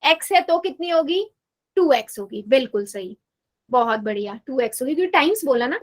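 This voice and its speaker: High-voiced woman teaching an online class. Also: animated, fairly quick. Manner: patient, coaxing, repeats questions to students; mixes English math terms into Hindi. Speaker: math teacher.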